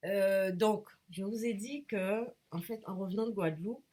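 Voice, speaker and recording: With a dark, medium-pitched voice at a moderate pace, a woman who has a cold rambles casually to camera. She's a painter and vlogger, and she frequently hesitates, restarts her sentences and gropes for words.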